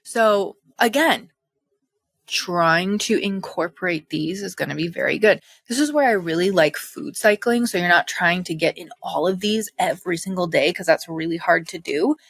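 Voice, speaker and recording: A young woman in casual educational talk, chatty and animated, a little out of breath, as a hormone health coach. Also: lowish voice, normal speed, breathy edge, no echo. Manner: chatty, animated, full of fillers. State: slightly out of breath.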